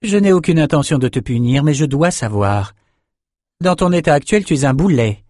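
A man's voice: fairly high pitch, expressive, normal speed, darkish tone, no room sound, studio quality, pitched above the performer's own voice. A man voicing a stern, commanding sorceress in an audiobook, blunt and probing. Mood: firm. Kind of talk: audiobook character voice.

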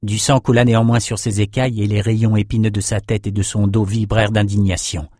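A man narrating a fantasy novel in a measured, steady reading voice. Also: fairly low pitch, no room sound, clean studio sound. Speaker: audiobook narrator.

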